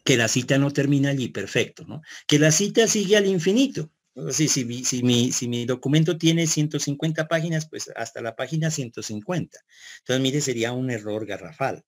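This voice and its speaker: A male lecturer explains a point step by step to his students. He repeats words as he works out his phrasing and keeps checking in with a quick "¿no?". He often puts questions to the class. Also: mid-range voice, lively intonation. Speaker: university lecturer.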